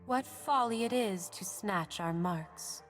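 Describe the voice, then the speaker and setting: A woman voicing a serene lamb spirit of death in a video game, soft and breathy, calm and poetic in delivery. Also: mid-range voice, takes it slowly, close to an everyday voice. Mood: cold reproach. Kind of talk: video game character voice acting. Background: music.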